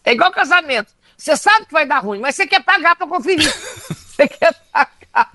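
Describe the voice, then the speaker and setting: A woman's voice: high voice, expressive, brisk, sharp tone, no echo. A middle-aged woman from Minas Gerais with a Brazilian Portuguese accent, telling stories as a comedian guest, laughing often and acting out the dialogue. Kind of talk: animated anecdotal storytelling.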